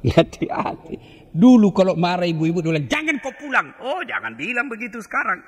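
A man delivers a joking sermon, his high voice swinging widely in pitch. He acts out husbands and wives as he teaches. His voice rings with the long reverb of a large hall. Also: very animated, brisk, slightly rough. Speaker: preacher. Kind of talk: humorous sermon.

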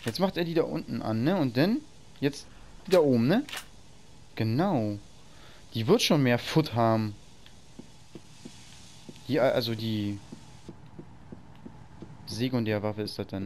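A man's voice: mid-range voice, darkish tone, a little hiss or hum. A man casually commenting on a video game while he plays, thinking aloud and muttering to himself. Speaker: let's play host.

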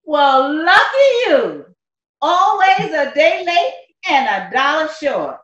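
A woman's voice: extremely high pitch, expressive, moderate pace, pushed and bright, heavily acted. A woman playing a bitter grown daughter about to marry, speaking in a scornful, emphatic way. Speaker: church skit actor. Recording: echoey, dull lo-fi sound.

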